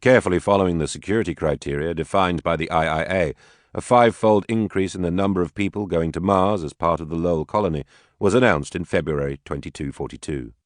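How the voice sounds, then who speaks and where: A man narrating an audiobook in a steady, even reading voice. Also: low-pitched, fast talker, no echo, studio quality. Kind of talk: scripted narration.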